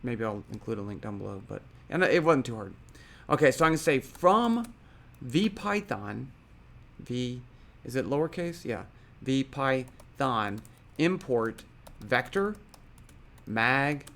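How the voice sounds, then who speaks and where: A man narrates a screen-recorded physics coding lesson in an easygoing, chatty way. He thinks aloud, pausing on fillers and correcting himself mid-sentence. His voice sits at an ordinary middle pitch for a man. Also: a bit bright. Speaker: physics tutorial host.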